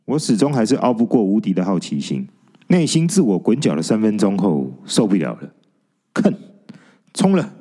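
Brief: male storyteller, lively pitch, mellow dark tone, comic podcast reading. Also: a little fast. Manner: playful, expressive, wry asides.

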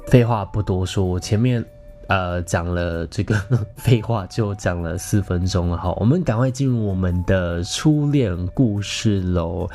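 A podcast host in his thirties with a Taiwanese Mandarin accent chats to listeners in a theatrical, gossipy monologue, slipping in bits of English. His low, warm voice is unhurried, with soft music in the background.

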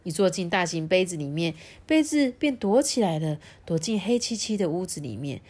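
A woman reading a children's storybook aloud in a lively, sing-song way. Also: fairly low pitch, normal speed, husky.

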